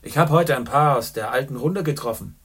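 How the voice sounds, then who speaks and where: A man voicing a boisterous, worldly middle-aged journalist who talks loudly and boastfully. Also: mid-range voice, a little fast, slightly rough, pitched above the performer's own voice. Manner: loud, hearty and boastful.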